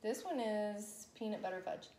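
A woman's voice: mid-range voice, moderate pace, dark tone, slight background noise. A woman talking with her mouth full while eating, in casual, hesitant chat. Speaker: vlogger, taste tester. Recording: echoey room.

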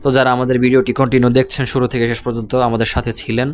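Male Quran reading teacher, slow and measured, level monotone delivery, repeats each syllable. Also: mid-range voice, a little hiss or hum. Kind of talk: slow spelled-out recitation lesson.

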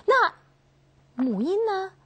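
A woman teaching English phonetics in a classroom lecture, asking her students questions and slowly repeating each key term. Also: extremely high pitch, very animated, no room sound. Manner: slow, drawn-out, repeats key terms, asks students questions.

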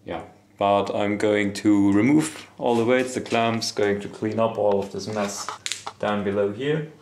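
A man's voice: lowish voice, fairly even intonation, unhurried, darkish tone, slight background noise. A young man, explaining his boatbuilding steps in a casual, self-critical workshop vlog, recorded on an action camera. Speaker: hobby boatbuilder. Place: indoor garage workshop. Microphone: action camera, handheld and set down. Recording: roomy workshop echo, faint music.

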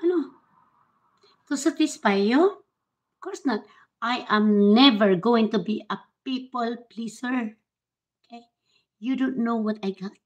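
Woman, from the Philippines, high voice, combative vlog rant, taunting, swearing, mixes languages. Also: slow, pauses often. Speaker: vlogger. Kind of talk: confrontational rant to camera. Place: living in the United States.

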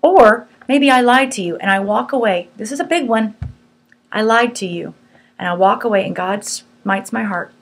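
A woman's voice: mid-range voice, moderate pace, vocal fry, husky. A middle-aged woman teaching a small Bible study group, earnest, firm and conversational.

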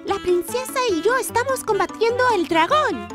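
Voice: very high voice, expressive, moderate pace, music in the background. An actor voicing a curious, eager little boy in a children's cartoon dub, with simple, earnest childlike phrasing. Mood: excited.

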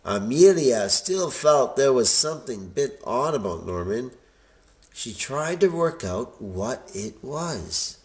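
Man, storybook reader, slow pace, very lively pitch. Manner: lively, expressive read-aloud. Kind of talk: reading a picture book aloud.

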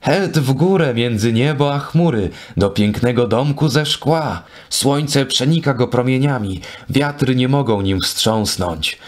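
A man's voice: mid-range voice, lively intonation, measured pace, hardly any pauses, voice pushed up, lightly acted. A man voicing a knight disguised as a ragged madman, speaking in a strangely altered, singsong voice for a storybook reading. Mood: crafty, dreamy. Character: Tristan disguised as a ragged mad fool. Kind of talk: audiobook character reading.

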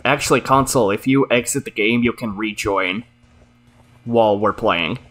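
A man's voice: lowish voice, normal speed, fairly bright tone, faint music behind. A young man hosting a casual let's-play with friends, laid-back and guiding the others. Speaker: gaming channel host.

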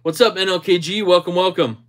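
A man's voice: high-pitched, brisk, fairly bright tone. A man hosting a livestream, casually reading and answering viewer comments in a jokey, easygoing way. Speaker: livestream host.

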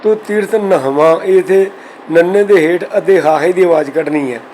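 A man's voice: fairly high pitch, mellow, a little hiss or hum, rough recording. Punjabi man teaching scripture pronunciation. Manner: slow careful recitation of verses between explanations. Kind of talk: scripture explanation lesson.

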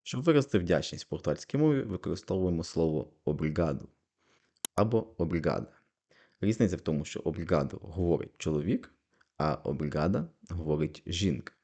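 Male tutor, deep mellow voice, patient step-by-step explainer. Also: expressive, fast. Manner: patient, repeats each phrase twice with translation. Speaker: language teacher. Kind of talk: explaining Portuguese phrases in Ukrainian.

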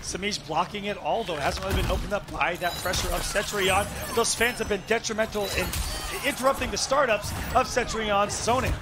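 A man with a high-pitched voice calls a fighting game tournament live. His play-by-play is excitable and emphatic, and music plays clearly behind him. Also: fairly quick. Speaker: esports commentator.

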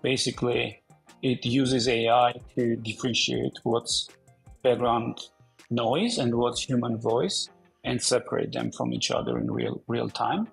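A man in his forties from Armenia talks as a podcast guest over a video call, with a gravelly, husky voice. He speaks conversationally, with frequent fillers and restarts. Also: mid-range voice, measured pace, faint music behind, poor audio. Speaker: podcast guest, company founder. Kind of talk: casual interview talk. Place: indoor room.

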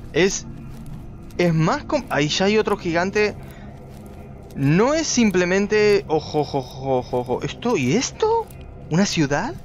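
Excitable man narrating his gameplay. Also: highs cut off, slight background noise. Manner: excitable, talks to viewers, jumps high when startled. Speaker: gaming video host. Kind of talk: let's play commentary.

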